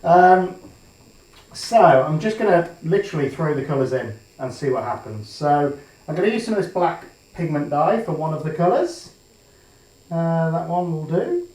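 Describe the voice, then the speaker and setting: A man working through a resin pour, chatting casually with frequent ums and thinking aloud, in a plain even voice he calls monotone. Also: a little high, moderate pace. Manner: chatty, hesitant with frequent ums, changes his mind aloud. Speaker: resin artist demonstrating a pour. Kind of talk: casual tutorial talk while working. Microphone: built-in camera mic, his usual mic out of action. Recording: echoey room, voice picked up from a distance.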